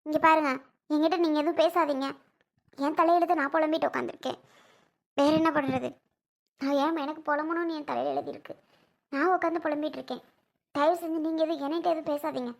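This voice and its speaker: A woman's voice: high-pitched, fairly even intonation, quick pace, creaky, long pauses. A woman playing a bitter young wife who complains tearfully and scolds as she grieves her family's losses. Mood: angry.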